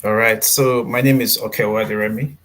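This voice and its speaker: A man from Nigeria, a software engineer telling his story as a podcast guest in an earnest way. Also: lowish voice, fairly even intonation, moderate pace. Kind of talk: casual interview answers.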